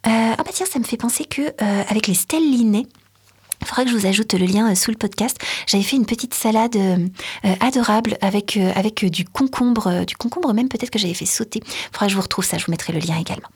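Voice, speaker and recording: A woman's voice: medium pitch, fast, darkish tone, breathy edge. A woman chatting on a podcast as food columnist, enthusiastic and hesitant, with lots of fillers. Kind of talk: casual podcast chat.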